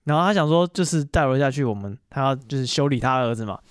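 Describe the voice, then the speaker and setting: A man's voice: medium pitch, fast talker, clean tone, dry recording, clean studio sound. Chatty man telling stories. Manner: chatty, animated retelling full of fillers. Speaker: podcast host. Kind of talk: casual solo storytelling monologue.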